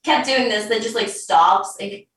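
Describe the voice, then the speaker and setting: A woman's voice: medium pitch, moderate pace, fairly bright tone. A young woman guest telling a story casually, full of "like" fillers. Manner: chatty, lots of "like" fillers. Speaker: podcast guest. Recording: roomy, distant mic.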